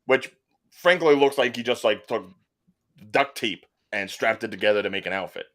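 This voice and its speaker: A man hosting a casual wrestling panel chat, animated and joking. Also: fairly low pitch, normal speed. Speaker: podcast host.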